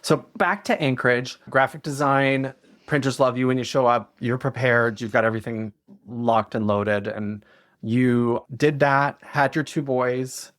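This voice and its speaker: A man hosting an interview cuts in with short, curious questions. His voice has an ordinary middle pitch. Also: steady tone, a little slow, fairly bright tone. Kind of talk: conversational interview.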